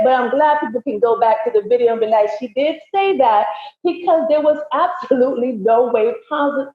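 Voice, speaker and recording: A higher-voiced woman speaking as a podcast guest, articulate and emphatic as she tells her story. The sound is roomy and echoey, with a dull, lo-fi tone. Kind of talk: casual interview chat.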